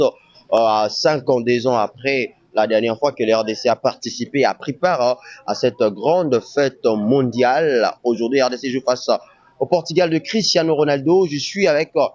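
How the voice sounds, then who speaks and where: A man's voice: medium pitch, no echo, lo-fi sound. Congolese man interviewing on the street. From Democratic Republic of the Congo. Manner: many fillers, lively prompting. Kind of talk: street vox-pop interview.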